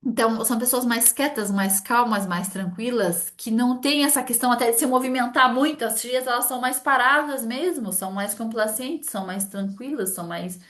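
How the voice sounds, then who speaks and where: A middle-aged therapist from talks in a casual, animated way, voicing small dialogues as she explains. Her voice sits a little high. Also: brisk, few pauses. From Brazil. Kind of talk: casual explanatory talk to camera.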